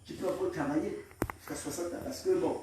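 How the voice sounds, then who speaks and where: A man preaching a call-and-response sermon as pastor, exhorting the congregation, repeating lines for them to echo and breaking into shouts. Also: a little high, fairly even intonation, a little fast, a little hiss or hum. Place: large echoing church. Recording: very echoey hall, mic far off.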